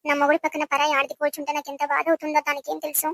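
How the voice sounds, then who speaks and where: A woman's voice: high-pitched, monotone, racing, creaky, a bit bright, dry recording. A woman voicing a hurt, sulking young wife in a village comedy skit, complaining about her husband. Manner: complaining, aggrieved.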